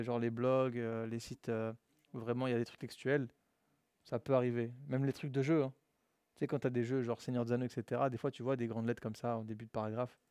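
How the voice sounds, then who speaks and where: A man's voice: mid-range voice, no room sound. A male coding instructor speaks to his trainees in a classroom. His delivery is loose and full of slang, and his voice sits in a middle register. The sound is close and dry. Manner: relaxed and slangy, addresses students as "les gars". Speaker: web development instructor. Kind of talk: casual live classroom lesson.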